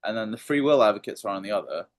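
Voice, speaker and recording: A man's voice: fairly low pitch, lively intonation, racing, no echo. A man talking through philosophy on a podcast in a casual, hesitant way, with many ums and restarted phrases. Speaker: podcast co-host.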